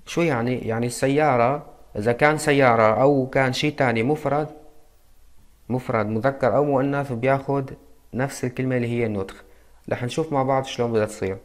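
A man with a Syrian Arabic accent teaching beginner French, explaining patiently step by step and spelling out words slowly. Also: mid-range voice, steady tone. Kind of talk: beginner language lesson.

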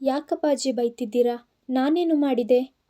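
A woman's voice: high-pitched, measured pace, dark tone. A woman voicing a young woman student who pleads tearfully with her father. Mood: tearful pleading.

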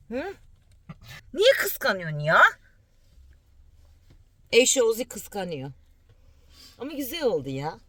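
Lively-voiced woman chatting in a vlog. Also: mid-range voice, dry recording. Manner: chatty, teasing, coos to the dog. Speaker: vlogger mother living abroad. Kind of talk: casual family vlog chat.

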